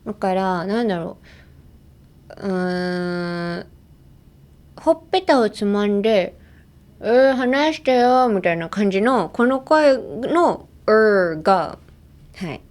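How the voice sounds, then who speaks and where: A woman's voice: mid-range voice, lively intonation, slow, long pauses, darkish tone. A young woman hosting a casual bilingual pronunciation lesson, playfully demonstrating sounds with repeated syllables. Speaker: English pronunciation coach.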